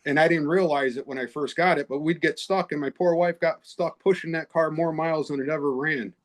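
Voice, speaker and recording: A man's voice: fairly high pitch, steady tone, fairly quick. A man co-hosting a casual chat, explaining car history and tips in a plain, matter-of-fact way. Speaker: co-host, car expert.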